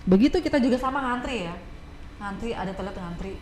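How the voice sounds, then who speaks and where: A woman's voice: fairly high pitch, fast talker. A woman guest speaker with an Indonesian accent, chatting casually and acting out the people in her stories. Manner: animated storytelling, acts out quoted people. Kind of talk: casual talk show chat. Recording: echoey room, faint background noise.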